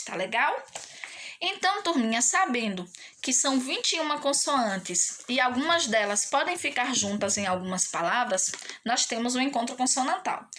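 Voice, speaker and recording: A woman from Brazil teaching young children in a recorded online lesson, patient and sing-song, often checking in with tag questions and stretching key words slowly. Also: on the high side, pushed and bright. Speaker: primary school teacher.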